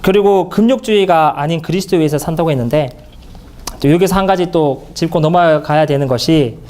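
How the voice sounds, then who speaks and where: Earnest high-voiced man giving a sermon. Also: a little mellow. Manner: earnest, halting, frequent fillers and restarts. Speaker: seminar speaker. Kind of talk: church Bible seminar message.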